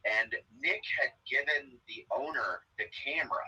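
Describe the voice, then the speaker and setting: A man talking casually over a phone on speakerphone, picked up by a laptop mic, telling stories in a loose, rambling way with a husky voice. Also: medium pitch, normal speed, pushed and bright, rough recording. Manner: loose, rambling storytelling with fillers. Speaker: comedian guest. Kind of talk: casual interview chat.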